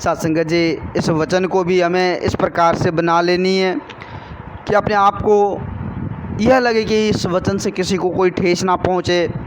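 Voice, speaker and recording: A man with a high, light voice preaching a devotional sermon. He tells his parable patiently, addressing the congregation over and over. Faint street and traffic noise hums behind him. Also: little pitch movement, unhurried. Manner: calls the congregation again and again, storytelling. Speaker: spiritual speaker.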